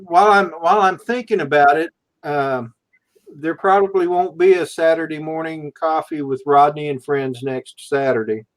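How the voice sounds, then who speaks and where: A man in his sixties hosts a casual group livestream chat in a relaxed, conversational way. His voice sits on the higher side, his pace is moderate, and the recording is rough.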